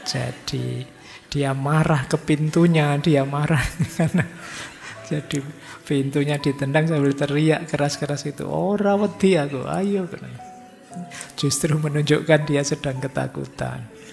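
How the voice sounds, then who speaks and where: A middle-aged man giving an informal philosophy study lecture, telling lively stories with acted quotes. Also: a little high, a little slow, creaky. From Indonesia. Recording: music under long hall reverb.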